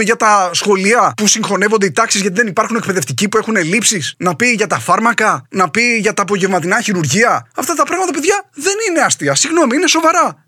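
A young man delivering a mock-earnest satirical monologue as a comedy host, full of deadpan irony and rhetorical questions. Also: extremely high pitch, husky, dry recording, studio quality.

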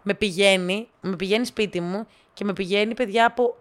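A woman casually telling humorous anecdotes to her listeners, acting out the dialogue with sharp jumps in pitch and dropping into low, quiet asides. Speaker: storyteller.

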